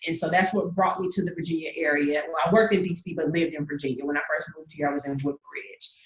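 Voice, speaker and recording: A woman's voice: deep voice, fast talker. Southern woman in an echoey room. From Georgia, US. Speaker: guest singer. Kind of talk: casual interview.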